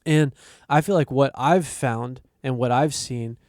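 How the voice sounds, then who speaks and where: A man's voice: medium pitch, a little slow, a little mellow, no echo, studio quality. A man co-hosting a podcast in casual conversation, thinking aloud with restarts and little quoted asides. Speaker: podcast co-host.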